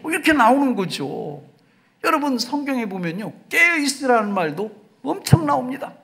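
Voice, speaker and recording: A man's voice: extremely high pitch, sing-song, normal speed, gravelly, bright, forceful tone. A male pastor preaching a sermon emphatically, often putting questions to the congregation.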